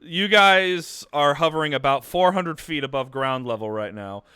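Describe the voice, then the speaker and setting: A man narrates a tabletop session as game master, joking and cursing with his players. His voice is bright and crisp. The recording is dry and close. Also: fairly high pitch, normal speed, dry recording. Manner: loose, profane, laughing banter with many fillers.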